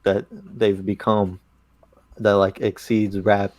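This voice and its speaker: A man's voice: fairly low pitch, flat delivery, takes it slowly, darkish tone, no room sound. A young man co-hosting a podcast, easygoing and a bit hesitant, filling with "like". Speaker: podcast co-host. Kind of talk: casual chat.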